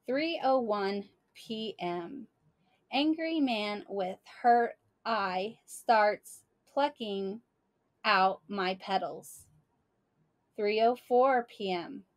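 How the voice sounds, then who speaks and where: Slow, deliberate woman reading aloud. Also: mid-range voice. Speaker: storyteller. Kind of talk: reading a children's book aloud.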